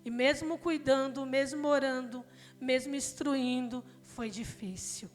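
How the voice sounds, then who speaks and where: Middle-aged Brazilian woman preacher, high-pitched, telling a heartfelt testimony over music. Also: unhurried. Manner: emotional storytelling, swinging from loud to hushed. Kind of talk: testimony sermon. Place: church.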